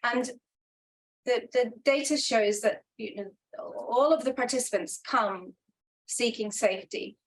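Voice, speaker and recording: Her slightly high voice moves a little slowly as she presents at a conference, sounding earnest and reflective. She's hesitant, restarting often and using filler sounds, over poor audio.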